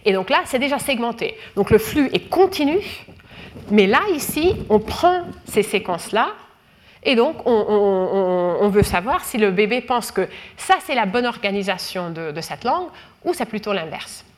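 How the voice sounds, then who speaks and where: A woman's voice: mid-range voice, expressive, normal speed. A woman giving a lecture, explaining carefully with frequent fillers and restarts. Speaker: researcher lecturing.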